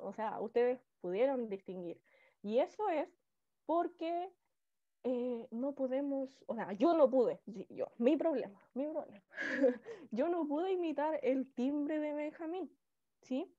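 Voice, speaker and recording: A Chilean woman teaching over a video call, her voice high and shrill. She talks slowly and keeps checking in with her class. The audio is dry and a little muffled. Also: no echo. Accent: Chilean Spanish. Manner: lively, checks in often with the class. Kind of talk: online class lecture.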